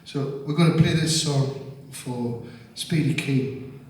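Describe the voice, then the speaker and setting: A man's voice: medium pitch, takes it slowly, a little mellow, a little hiss or hum. A man with a Geordie accent telling rambling, sweary anecdotes between songs on stage at a live music venue. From North East England. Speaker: singer-songwriter. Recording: echoey live hall, distant mic.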